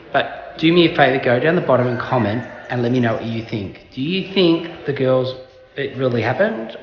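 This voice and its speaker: A man hosting a casual travel vlog outdoors, chatty and excitable, out of breath from climbing. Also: mid-range voice, lo-fi sound, a little hiss or hum. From Australia. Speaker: travel vlogger. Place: outdoors on a rocky hill. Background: music.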